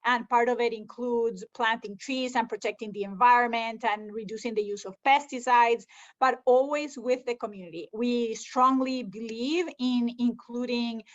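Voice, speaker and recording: A woman's voice: on the high side, fairly even intonation, normal speed, muffled recording. A woman from Rica, a conservation scientist answering interview questions earnestly, with frequent ums. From Costa Rica.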